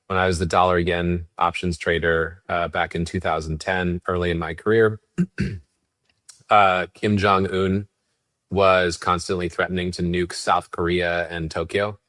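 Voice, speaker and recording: Man, podcast co-host, deep low voice, animated storyteller, goes on tangents, dry close sound. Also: unhurried, no echo. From Berkeley, California. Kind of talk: casual chat.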